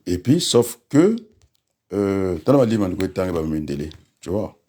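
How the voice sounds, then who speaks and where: A man holds forth in a combative political rant, turning to his listeners with quick asides. His voice is very deep, dark and a little husky, and it swings widely in pitch as he pushes his points. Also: very animated. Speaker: political commentator.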